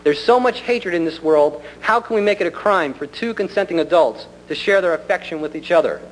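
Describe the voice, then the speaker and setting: Man, fairly high voice, deliberate polite public speaker, formal prepared address, faint noise and hum on meeting recording. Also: expressive, rough recording. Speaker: community center director addressing a county commission. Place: public government meeting room.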